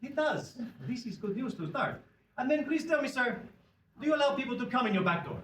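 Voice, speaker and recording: An actor with a Spanish accent playing a flirtatious, cheeky gentleman in a live theatre, teasing the audience in broken English. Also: extremely high pitch, expressive, brisk. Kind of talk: stage performance with audience interaction. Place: theatre auditorium. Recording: roomy theatre recording from far off, with hall noise.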